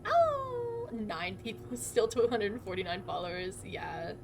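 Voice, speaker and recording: A woman's voice: medium pitch, very animated, unhurried, vocal fry. A woman chatting casually on a game livestream in a hyped, slangy gamer manner, exclaiming and giggly. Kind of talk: casual, excitable gaming livestream chat.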